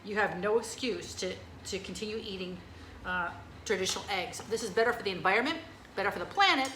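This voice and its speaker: Female cooking-show host, bright and tense voice, chatty, echoey kitchen. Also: medium pitch, fast talker, slight background noise. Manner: chatty and enthusiastic, with many fillers. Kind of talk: casual cooking demonstration.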